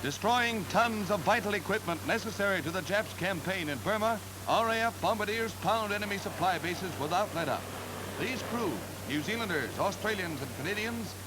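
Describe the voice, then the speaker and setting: A man narrating war footage in brisk, emphatic 1940s newsreel style, with old newsreel sound. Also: high-pitched, expressive, rough recording. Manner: brisk, emphatic announcer delivery. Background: loud music.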